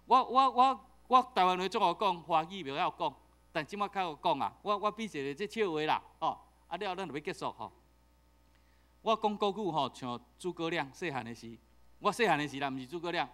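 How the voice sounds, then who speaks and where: Animated Taiwanese pastor, high voice. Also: male voice, fairly quick. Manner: jokey, animated storytelling with repeated fillers. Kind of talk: sermon.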